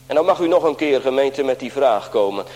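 A man's voice: medium pitch, lively intonation, brisk, darkish tone. Man preaching a sermon in a reverberant church. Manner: earnest preaching, often addressing the congregation directly. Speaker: pastor.

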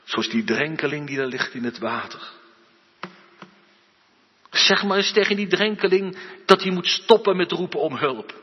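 Male preacher, husky voice, slow earnest sermon, dull recording with long church echo. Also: on the high side, expressive. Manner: slow, earnest preaching with rising emphatic outbursts.

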